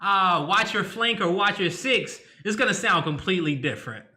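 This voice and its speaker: A man's voice: high-pitched, animated, normal speed, sharp tone. A man hosting a casual interview, easygoing and asking follow-up questions. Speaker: show host.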